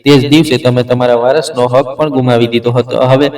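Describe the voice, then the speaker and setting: A man's voice: medium pitch, level tone, a little fast, a little mellow, natural voice. A man reading the lines of a bitter, cold young pregnant wife in a dramatized story, clipped and cutting. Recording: roomy, distant mic.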